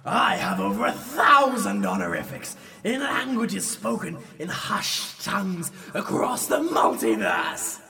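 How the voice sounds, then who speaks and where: An actor playing a pompous, easily offended elder demon stuck in a fridge, booming theatrically, sounding distant from the mic. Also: male voice, big pitch swings, a little slow, creaky, hardly any pauses, bright, forceful tone, exaggerated voice. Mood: indignant.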